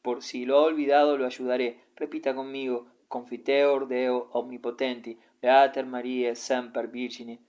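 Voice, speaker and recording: A man's voice: mid-range voice, flat delivery, unhurried, few pauses, a little mellow, lightly acted. A man reading the part of an old, slightly deaf priest who speaks in a raised, coaxing pastoral tone.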